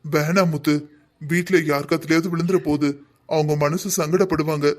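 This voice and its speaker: Soothing cartoon husband, voiced by a man, slightly raised pitch, calm. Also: normal speed, natural voice. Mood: pleading. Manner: calm, reasoning. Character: young husband and son, patient and soothing. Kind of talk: Tamil cartoon drama voicing.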